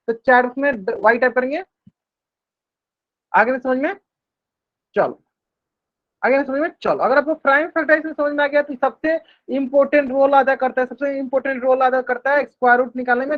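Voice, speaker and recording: A man teaching a live online math class, repeating each question to the students and answering it himself, drawing out English math terms slowly. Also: extremely high pitch, fairly even intonation. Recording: dull lo-fi stream audio.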